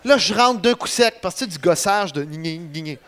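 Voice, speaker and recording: A man with a Quebec French accent, telling a comic story in an excitable way, laughing and letting out yelps. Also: high voice, moderate pace. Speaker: radio host.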